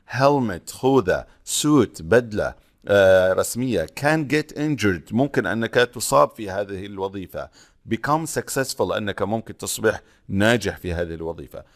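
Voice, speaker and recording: A male teacher with a fairly low voice takes students through a textbook exercise one item at a time. He reads each English sentence slowly and carefully, then explains it in Arabic. His delivery stops and starts, with frequent hesitant pauses between phrases. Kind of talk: bilingual lesson, reading English and explaining in Arabic.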